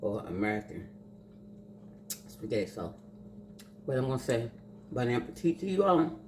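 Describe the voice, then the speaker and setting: A woman's voice: a bass voice, sing-song, normal speed, noisy background. An older woman chatting through a casual home cooking vlog, savoring her food with hums. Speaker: cooking vlogger. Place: home kitchen. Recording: echoey kitchen with clattering dishes.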